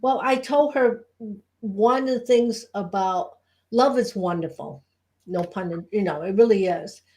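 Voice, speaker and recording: A woman's voice: medium pitch, unhurried, a little mellow. A woman chatting casually as co-host of a live show, speaking as a Reiki teacher.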